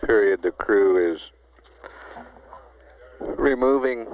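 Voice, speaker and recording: Deep voice guy, mission control announcer, halting official updates, old tinny phone-ish sound. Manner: halting, measured delivery. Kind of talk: official status commentary. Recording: tinny narrowband 1960s broadcast line.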